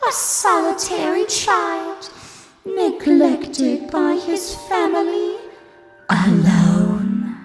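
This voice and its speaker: A woman playing a solemn, ethereal female ghost in a radio play, speaking in a grand, deliberate and commanding way. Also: extremely high pitch, sing-song, exaggerated voice. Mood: probing. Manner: slow, grand, deliberate theatrical delivery. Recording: echoey, long reverb under loud music.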